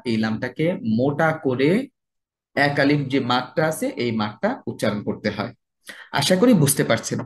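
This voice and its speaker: A man teaching a religious recitation lesson, explaining step by step and slowly drawing out each example word. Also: fairly high pitch. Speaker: tajweed teacher.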